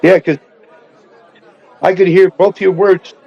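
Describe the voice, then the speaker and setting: A man's voice: high voice, little pitch movement, slow pace, gravelly, a faint crowd. A man chatting and joking as a guest on a call-in stream, his voice tinny through the call line. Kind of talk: casual chat. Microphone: remote call audio.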